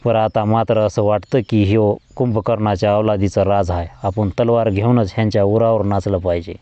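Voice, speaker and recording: A man voicing a defiant young village rebel leader who speaks in rough, commanding rural speech. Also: lowish voice, fairly even intonation, fairly quick, dark tone, no room sound, lightly acted. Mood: fiery. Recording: dull lo-fi dry recording.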